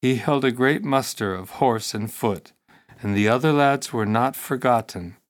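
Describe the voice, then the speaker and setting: A man narrating a classic text for an audiobook, in a steady, measured reading voice. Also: medium pitch.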